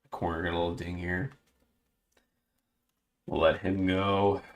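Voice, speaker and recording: A man's voice: deep voice, little pitch movement, a little slow. A man hosting a casual livestream, chatting and muttering to himself with little exclamations as he sorts through items. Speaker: host. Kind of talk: casual livestream chat while sorting cards.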